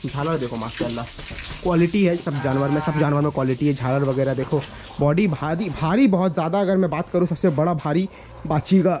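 A young man from India records a casual vlog on a handheld camera at arm's length, talking a little fast in a higher-pitched voice. He gives directions through village lanes and a farm tour in a cattle shed, explaining things to viewers repetitively and instructively. The outdoor audio is noisy with ambient sound.

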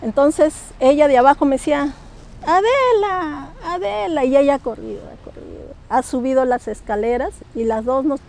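Dark-voiced woman recounting a memory. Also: high-pitched, steady tone, fairly quick, hardly any pauses. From Peru. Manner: emotional, hesitant, repeats herself. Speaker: guest storyteller. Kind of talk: personal paranormal testimony.

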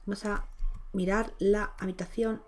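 A woman's voice: mid-range voice, flat delivery, measured pace, a little mellow. A woman from giving chatty, affectionate gameplay commentary as a Let's Play host, cooing over a baby character with many exclamations.

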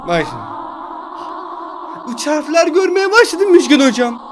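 A young man narrates a game he is playing, teasing and joking as he goes. His voice sits high and swings widely, and he laughs often and suddenly breaks into shouts. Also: big pitch swings, normal speed, music in the background. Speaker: gaming YouTuber. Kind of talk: gaming commentary.

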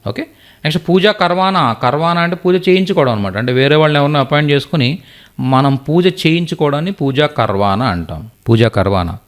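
A man's voice: a little high, animated, soft background music. Patient man teaching word by word. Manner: repeats each word slowly, translating back and forth. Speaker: Hindi teacher. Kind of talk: online class lesson.

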